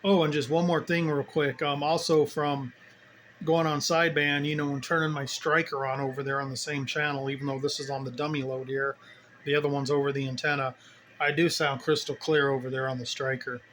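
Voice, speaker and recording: A man casually showing his radio setup, talking in a relaxed, rambling way as he thinks aloud. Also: on the high side, brisk, a little hiss or hum. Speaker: CB radio hobbyist vlogger. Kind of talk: casual hands-on demo.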